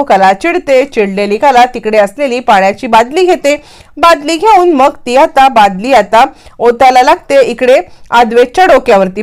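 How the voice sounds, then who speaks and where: A woman casually retells a TV serial episode, acting out the characters' lines as she goes. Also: high voice. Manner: lively storytelling, acting out characters' lines in quotes. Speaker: serial recap narrator.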